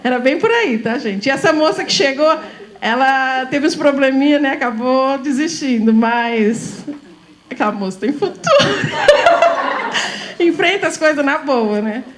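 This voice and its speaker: A middle-aged woman from São Paulo talks to a room of teachers in a high, lively voice. She lectures informally and chattily, laughs easily, and keeps tossing the audience little questions for agreement. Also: normal speed, background noise. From São Paulo, Brazil.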